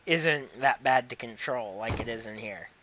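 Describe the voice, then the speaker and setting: A man's voice: mid-range voice, moderate pace, sharp tone, dull audio, a little hiss or hum. A man giving casual, rambling commentary over a game playthrough, apologetic and given to corny jokes. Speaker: gameplay commentator.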